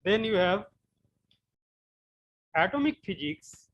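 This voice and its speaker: A man from West Bengal with an Indian English accent, giving an online physics class and explaining slowly with frequent repetitions. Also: sits high, expressive, fairly bright tone, rough recording. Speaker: physics lecturer.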